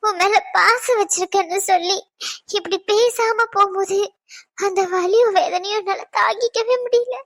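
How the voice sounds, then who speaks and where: A tearful young cartoon wife , voiced by a woman, pours out her hurt in a very high, thin voice. She pleads between sobs, and her voice keeps breaking. Her grief is raw. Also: fairly even intonation, moderate pace. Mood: sobbing. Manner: sobbing, pleading confession. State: crying. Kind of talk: cartoon voice acting.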